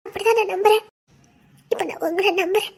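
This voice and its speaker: A very high, light voice belongs to a gentle young wife in an audio drama, as a woman acts her out. She speaks with a Tirunelveli Tamil accent and soothes and teases softly. Her tone is forgiving and warm-hearted. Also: fairly even intonation, fairly quick, creaky. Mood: comforting. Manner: soothing, teasing, comforting.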